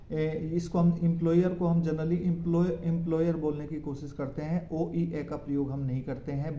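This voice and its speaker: A man with an Indian English accent gives a pronunciation lesson. He repeats each word several times and checks in with "right?". His voice is dark and mellow, and it sits a little high for a man. The recording is roomy and a bit dull. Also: slight background noise. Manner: drills words by repeating them, often asks "right?". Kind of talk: spoken language lesson.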